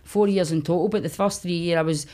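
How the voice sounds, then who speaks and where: A woman's voice: on the low side, steady tone, fast talker, mellow. A woman with a broad Scottish accent in casual podcast chat, telling stories candidly in colloquial, sweary language. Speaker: guest, comedy performer.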